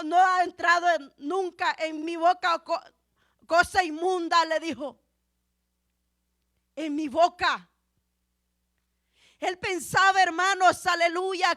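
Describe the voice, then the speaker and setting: A woman preaching a fervent sermon in church. She calls out "hermanos" and "aleluya" again and again and rises to shouts on the key points. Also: very high-pitched, no echo, studio quality. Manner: fervent, drawn-out delivery, peppered with "hermanos" and "aleluya".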